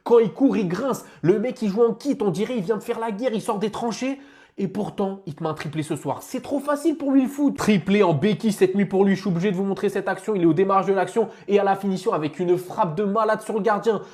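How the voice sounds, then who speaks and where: A man's voice: high voice, fast, a little mellow. A man giving a hyped football reaction, full of praise and talking to the player directly. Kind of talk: energetic reaction video.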